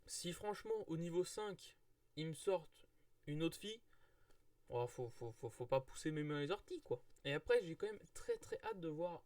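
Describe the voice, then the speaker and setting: A man's voice: on the high side, wildly swooping pitch, normal speed, darkish tone, no echo. A man chatting casually through a manga review, rambling, with many fillers and restarts.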